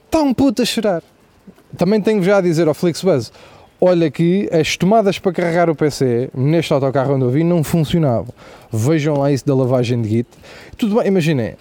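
A young man with a European Portuguese accent telling a profane, animated comic story as the host of a stand-up comedy show. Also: a little high, dry recording.

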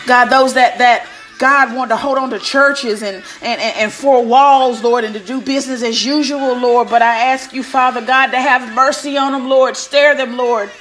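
A woman's voice: high-pitched, steady tone, moderate pace, a bit bright. A woman praying aloud like a preacher, fervent and commanding, punctuating her phrases with repeated invocations of God. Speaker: preacher leading prayer. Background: music.

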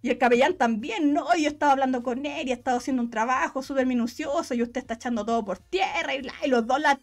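A young woman with a Chilean accent, telling a personal story in casual, slangy chat and voicing the people in it. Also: high voice. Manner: fast, slangy, animated storytelling with voiced quotes.

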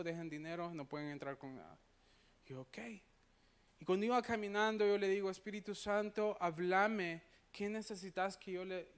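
A man's voice: high voice, smooth. A man preaching to a church, telling personal stories. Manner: anecdotal, conversational, frequent tag questions. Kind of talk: sermon storytelling.

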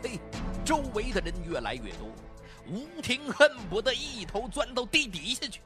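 A man narrating a story dramatically, animated and acting out the dialogue. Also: extremely high pitch, moderate pace, music in the background.

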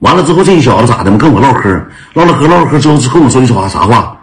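A man's voice: medium pitch, very animated, racing, slight background noise. A man with a Northeastern Chinese accent, telling a comic story in a chatty way, laughing as he goes and calling out to his listeners.

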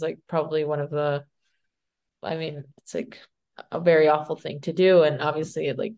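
Woman, Spanish accent, somewhat low voice, casual podcast co-host who rambles and restarts as she tells a story. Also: a little mellow. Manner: rambling, unsure, lots of "like" and restarts. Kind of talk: casual chat retelling a myth.

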